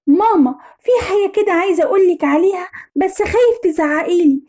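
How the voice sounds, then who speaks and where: A woman's voice: very high-pitched, mellow, pitched above the performer's own voice. A woman playing a scared little Egyptian boy. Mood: fearful. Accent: Egyptian Arabic. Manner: hesitant, anxious, quick. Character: frightened young boy, the son, timid.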